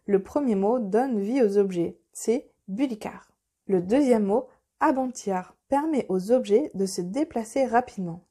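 A woman reading aloud and voicing a calm, stern male master sorcerer who speaks in a measured, solemn way. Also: mid-range voice, slightly rough.

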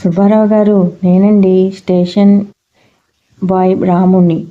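A woman's voice: medium pitch, level tone, unhurried, lightly acted. A woman voicing a humble young male station boy who speaks politely and deferentially, in a dull lo-fi recording.

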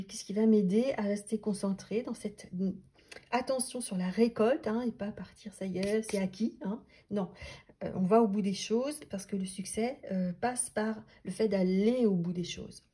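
A woman teaching a tarot method in a loose, thinking-aloud way, often restarting her sentences. Her voice is warm and mellow, with a husky, airy edge. Now and then she softens almost to a whisper. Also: mid-range voice. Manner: thoughtful, restarts often, drops to near-whispers. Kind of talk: unscripted teaching talk.

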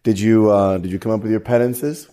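A man's voice: lowish voice, steady tone, a little fast, warm tone. A man who is a priest co-hosting a podcast, talking in an easygoing, teaching way and laughing often. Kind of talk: casual conversational podcast.

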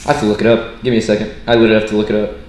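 A man's voice: on the low side, completely flat delivery, rapid-fire. A young man playing a horror game, chatting casually in a nervous, jumpy, exasperated way. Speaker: gamer. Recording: echoey room, some background noise.

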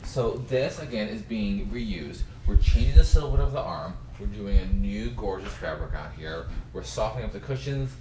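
A man's voice: lowish voice, animated, normal speed, hardly any pauses. A man in his thirties, an interior designer, walking someone through a redesigned spa and explaining the changes with enthusiasm and lots of fillers like "um" and "kinda.". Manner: enthusiastic, gesturing, filler-heavy. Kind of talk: walkthrough tour explanation. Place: indoor spa salon, echoey rooms. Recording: echoey rooms with room noise.

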